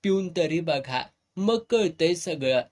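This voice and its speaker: A storyteller voicing a blunt, fatherly old village headman who talks gruffly in a rural Marathi village dialect. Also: medium pitch, expressive, slow pace, a little mellow. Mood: expansive. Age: older. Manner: gruff, earthy, commanding.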